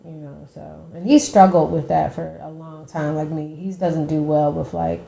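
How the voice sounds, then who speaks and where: Low-voiced woman speaking candidly, roomy sound. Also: fairly even intonation, normal speed, vocal fry, dark tone. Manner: open, earnest, often quoting others. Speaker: podcast guest. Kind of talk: candid conversation. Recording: roomy echoey room.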